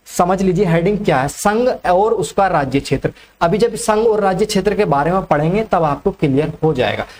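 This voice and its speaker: A man's voice: sits high, slight background noise. Man teaching, answering his own questions. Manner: asks questions and answers them himself; repeats key facts, frequent "ठीक है". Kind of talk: exam-prep lecture.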